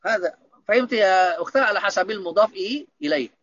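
A man's voice: sits high, fast talker, fairly bright tone, dry recording, muffled recording. A man teaching Arabic grammar in an online lesson, patiently explaining and checking that students understand.

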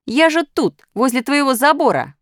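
A woman's voice: very animated, normal speed, fairly bright tone, no room sound, studio quality. A woman voicing an indignant female number five who scolds in a storybook. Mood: scolding. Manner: scolding, shrill.

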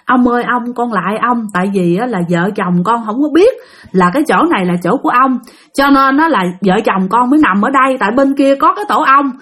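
A woman voicing a frightened middle-aged husband who begs a ghost for mercy in a husky, pleading voice. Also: fairly high pitch, animated, a little fast, a bit bright. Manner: pleading, repetitive.

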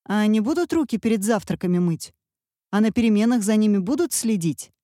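A woman voicing a nervous, fussy husband who keeps shouting anxious questions, in an audiobook reading. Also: mid-range voice, lively intonation, fairly quick, no echo, clean studio sound, voice pushed up, natural voice. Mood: agitated. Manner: agitated, nagging questions.

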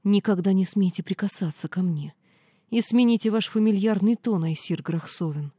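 A woman's voice: mid-range voice, expressive, moderate pace, mellow, husky, no room sound, clean studio sound. A woman reading the lines of an angry, commanding young princess in an audiobook. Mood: furious.

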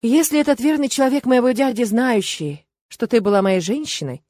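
A woman voicing a confident, teasing young male emperor in an audiobook, with a lively, raised delivery and a wry edge. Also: fairly high pitch, a little fast, no echo, voice pushed up, lightly acted. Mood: assured, teasing.

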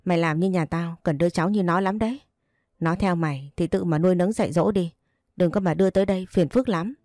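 A spiteful, scornful woman who hurls insults, voiced by a woman reading a story aloud. The voice stays low and mellow, with a dry, close sound. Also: fast, dry recording, natural voice. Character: spiteful sharp-tongued woman, hostile sister-in-law.

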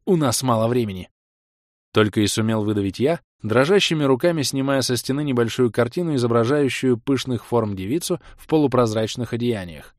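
A man's voice: mid-range voice, lively intonation, brisk, hardly any pauses, no room sound. Dramatic male audiobook narrator, dry close sound. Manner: tense, dramatic, hushed in suspense. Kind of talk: expressive fantasy audiobook narration.

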